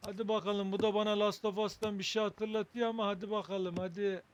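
A fast-talking man with a high voice and little pitch movement hosts a gaming video, commenting casually as he plays. He thinks out loud with wry jokes and chats to his viewers.

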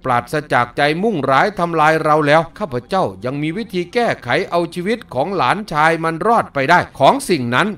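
A man voicing a clever, sharp-tongued young heroine in an audiobook, calm and measured. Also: on the high side.

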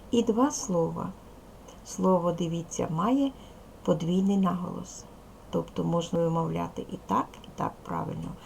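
A woman's voice: lowish voice, gravelly, darkish tone, slight background noise, low-quality recording. A woman with a Ukrainian accent teaching young children in a recorded video lesson, patient and speaking to them directly. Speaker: primary school teacher.

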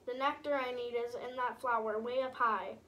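A woman's voice: on the high side, steady tone, moderate pace, a bit bright, close to an everyday voice. A woman voicing a sad young male butterfly with crinkled wings, earnest and pleading, in a storybook reading. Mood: forlorn.

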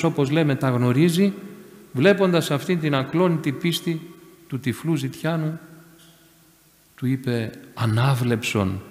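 A man giving a sermon as a monastery elder, emphatic, repeating phrases and rising louder on key words. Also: a little high. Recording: echoey church reverb.

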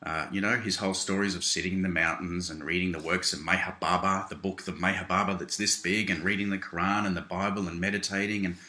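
A man's voice: low voice, steady tone, fast, hardly any pauses, bright, forceful tone, reverberant. An Australian man speaking straight to the camera from his small home office, calling the listener "mate" and often restarting his sentences. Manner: conversational, keeps addressing the listener as "mate", with frequent restarts. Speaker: seminar presenter. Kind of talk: direct-to-camera video response.

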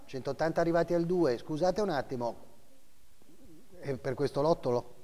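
A man's voice: fairly high pitch, moderate pace, dark tone. Middle-aged male auctioneer in a reverberant hall. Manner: repeats figures and bid increments in short clipped phrases. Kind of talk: live auction calling of bids and lot numbers. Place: auction house room, seated behind a desk, indoors.

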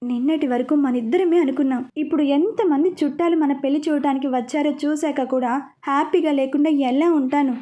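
A woman's voice: high voice, fairly even intonation, brisk, dark tone, dull audio, close to an everyday voice. A woman voicing a sulky young bride. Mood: emotional. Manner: pouting, emotional.

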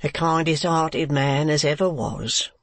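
A man's voice: fairly high pitch, measured pace, a bit bright, no echo. A man voicing a pompous, solemn Victorian husband who swaps his v's for w's. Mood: fussing. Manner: pompous, stiffly solemn, says w for v.

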